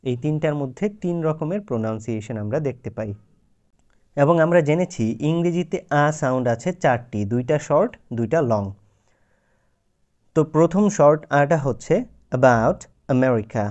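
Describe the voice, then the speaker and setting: A man's voice: fairly high pitch, moderate pace, darkish tone, dull audio. A man teaching English pronunciation in a YouTube lesson, explaining patiently and drawing out his example words.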